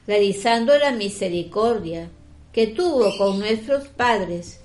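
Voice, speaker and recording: A woman giving the responses in a liturgical prayer, solemn, measured and devotional. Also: mid-range voice, lively intonation, darkish tone, a little hiss or hum.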